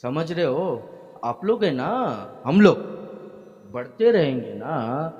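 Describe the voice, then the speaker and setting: A man's voice: fairly high pitch, sing-song, takes it slowly, darkish tone, highs cut off. A male pastor delivering a sermon in a slightly raised voice, punctuating his points with hallelujahs and questions put to the congregation. His voice rings out in a large church hall with a long, trailing reverb. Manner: emphatic preaching with frequent hallelujahs and questions to the congregation.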